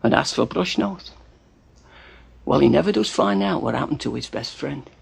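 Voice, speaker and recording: A man telling a folk tale with a gravelly, husky voice and theatrical, animated delivery, dropping to hushed asides. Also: on the high side, moderate pace. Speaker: storyteller. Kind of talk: storytelling narration.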